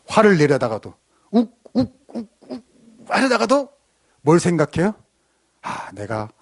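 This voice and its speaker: A middle-aged man preaching a sermon as pastor, telling a personal story with lively rhetorical questions to the congregation. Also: medium pitch, no room sound, clean studio sound. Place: church sanctuary.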